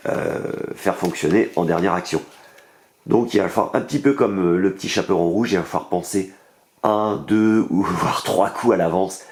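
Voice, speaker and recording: A man with a French accent casually reviewing a board game's cards, enthusiastic and explaining the rules step by step with many fillers. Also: low-pitched. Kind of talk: casual unboxing and card review.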